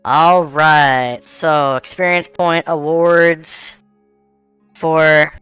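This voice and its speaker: Mężczyzna prowadzący grę fabularną jako mistrz gry, z głosem przepuszczonym przez filtr zmieniający go na kobiecy. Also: male voice, on the high side, steady tone, fairly bright tone, clear, resonant tone, no echo, soft background music, pitched above the performer's own voice. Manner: unhurried, explaining rules and scenes. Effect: female voice changer filter. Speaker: game master. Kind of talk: narrating an online tabletop game.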